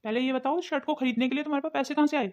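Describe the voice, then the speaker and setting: A woman's voice: sits high, steady tone, very fast, a little mellow, highs cut off, natural voice. A woman voicing a conflicted young husband in a cartoon story, who questions and suspects his wife. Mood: suspicious. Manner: suspicious, questioning. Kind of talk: cartoon voice acting.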